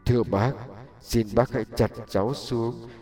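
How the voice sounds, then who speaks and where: A man voicing a humble young bamboo tree in a spoken story, talking softly and pleading. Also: mid-range voice, steady tone, unhurried, close to an everyday voice. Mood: resigned. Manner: soft, pleading, tearful delivery. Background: faint background music.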